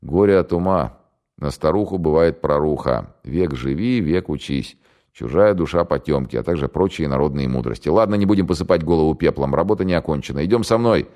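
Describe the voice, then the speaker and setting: A man's voice: very deep voice, lively intonation, a little fast, darkish tone. A man voicing a shrewd, ironic senior security officer who barks clipped orders. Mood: dry ironic.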